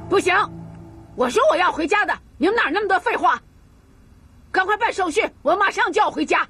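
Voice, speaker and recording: A woman's voice: extremely high pitch, expressive, fairly quick, dry recording, exaggerated voice. Fussing old grandmother. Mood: stubborn, insistent. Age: older. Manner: coaxing, full of sighs and fillers. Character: doting elderly grandmother, stubborn and fussy. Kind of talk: TV drama acting. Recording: TV drama with loud background music.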